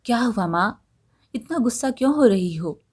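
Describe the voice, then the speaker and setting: A woman voicing a gentle young husband who calms his mother and comforts his wife in a storybook tale, soothing and reassuring. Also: on the high side, normal speed, breathy edge. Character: gentle young husband and son, calm peacemaker.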